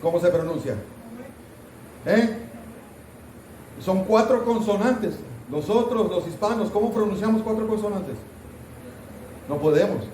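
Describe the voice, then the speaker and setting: A man's voice: high voice, unhurried, long pauses, warm tone, far from the mic, a little hiss or hum. A pastor teaching a Sunday school Bible class, talking casually with his students and asking them questions, recorded in a church room. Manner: conversational, asks the class questions, mock scolding asides. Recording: roomy church hall, voice from off-mic.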